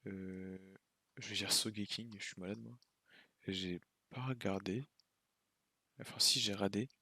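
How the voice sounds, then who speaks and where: Gravelly, husky young-sounding man rambling casually. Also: on the low side, fairly even intonation, unhurried, bright, forceful tone, no echo. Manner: offhand, slangy, rambling. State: tired late at night. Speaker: YouTuber ranking anime. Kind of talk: casual tier-list commentary.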